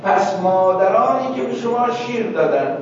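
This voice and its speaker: A man's voice: high-pitched, animated, slight background noise. A male teacher giving a classroom lecture. He explains word meanings step by step, checks understanding with questions, and prompts the students to finish his sentences. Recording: echoey distant dull lo-fi classroom recording.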